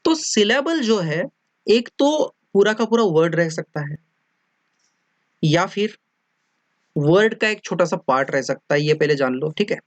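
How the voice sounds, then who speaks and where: Teacher, unhurried lecture, dry close sound, keeps checking understanding. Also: medium pitch, animated, no echo. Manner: repeats and checks understanding often. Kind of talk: classroom lecture mixing Hindi and English.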